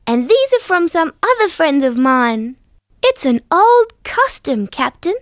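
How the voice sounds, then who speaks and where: A cheerful female dinosaur friend from a children's show, pitched extremely high and full of lilting movement. She takes her time, shaping simple words carefully in a kindly sing-song for small children. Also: dry recording, clean studio sound, full character voice. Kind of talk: children's show character presenting to young viewers.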